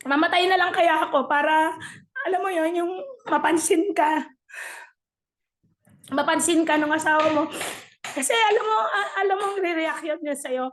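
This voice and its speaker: A woman's voice: very high-pitched, moderate pace, long pauses, fairly bright tone, slight background noise. A middle-aged woman sharing her church testimony in a chatty way, laughing often and mixing in English.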